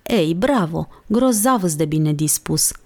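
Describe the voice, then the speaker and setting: A woman's voice: on the low side, lively intonation, darkish tone. Female reader playing a jovial father, cheerful, teasing, storybook.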